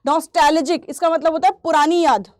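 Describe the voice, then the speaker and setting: A woman teacher giving an exam revision lesson, reading English lines slowly and then explaining them, repeating key points and clearing her throat now and then. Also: high-pitched, fairly even intonation, darkish tone, dry recording.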